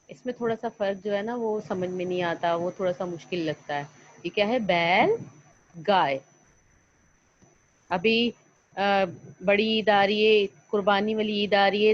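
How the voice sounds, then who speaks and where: A woman's voice: medium pitch, a little hiss or hum. A woman teacher giving an online lesson to young children, coaxing them along by asking questions and answering them herself. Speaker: primary school teacher. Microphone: computer mic on an online class call. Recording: slightly dull lo-fi online call audio.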